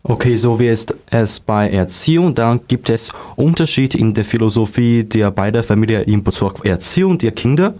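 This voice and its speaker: A man's voice: on the low side, lively intonation, moderate pace, few pauses, dark tone. A young man hosting in German, asking brief questions that open with "okay, so". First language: Chinese. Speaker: host.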